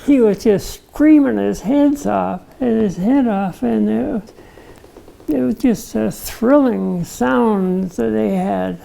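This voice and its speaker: Gravelly older man reminiscing slowly. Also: high-pitched, mellow, poor audio. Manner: gravelly, unhurried storyteller with many "uh" pauses. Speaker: interview guest, retired barbershop tenor. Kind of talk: casual reminiscing interview.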